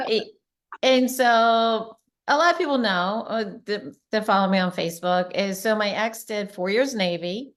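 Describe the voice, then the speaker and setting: A middle-aged woman hosts a relaxed conversation in an upbeat voice. She laughs easily and slips into playful quoted asides as she tells stories. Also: medium pitch, unhurried. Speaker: host, real estate agent. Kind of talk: casual chat.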